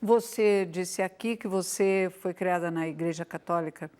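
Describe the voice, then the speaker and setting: A woman's voice: lowish voice, normal speed, a little mellow. A woman host asking a guest teasing, probing questions on a TV talk show in a studio. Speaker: interviewer.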